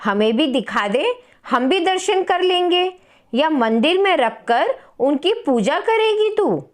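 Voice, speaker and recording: A woman voicing a bossy middle-aged mother-in-law with a commanding, sharp-tongued manner. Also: high voice, big pitch swings, slow, pitched above the performer's own voice, exaggerated voice. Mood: indignant. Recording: roomy echo with long reverb.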